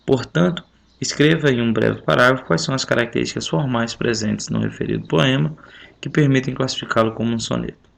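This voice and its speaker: A man's voice: medium pitch, a little fast. A male teacher with a Brazilian Portuguese accent going over a literature test step by step in a recorded home lesson, counting out syllables aloud. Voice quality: gravelly.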